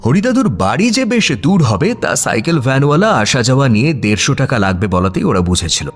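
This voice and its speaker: A man narrates a scripted story expressively in a medium-pitched voice, very animated and brisk. His intonation swings widely up and down, with soft music underneath.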